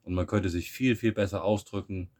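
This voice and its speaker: A man from Germany co-hosting a podcast in casual chat, relaxed and musing, often restarting his sentences. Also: sits low, brisk. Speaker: podcast co-host.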